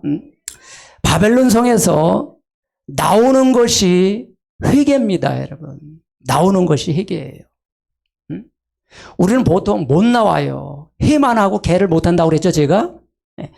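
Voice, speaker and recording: A middle-aged man preaching a sermon as pastor, shouting out acted calls and then dropping to quiet asides, and often checking in with the congregation. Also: high voice, creaky. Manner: acts out voices with sudden loud calls, then drops to asides; asks the congregation short checks like "eh?" and "right?".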